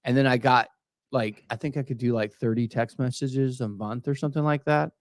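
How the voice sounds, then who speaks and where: A man in his late thirties, co-hosting a podcast in casual chat, animated and stumbling over repeated words as he talks. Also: mid-range voice, a little fast, no echo, clean studio sound. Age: 30s. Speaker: podcast co-host.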